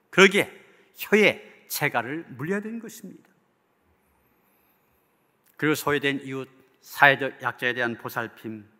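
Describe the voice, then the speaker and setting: This pastor's voice is fairly high, bright, and forceful as he preaches with earnest, rhetorical emphasis. The sermon, which finishes in prayer, echoes with the long reverb of a church hall.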